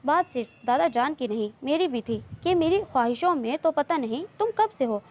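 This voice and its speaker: A woman's voice: high voice, expressive, normal speed, dull audio. A woman reading a romance novel aloud, voicing a playful, insistent young man who courts his cousin. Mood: teasing, tender. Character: teasing, loving young man, cousin and suitor.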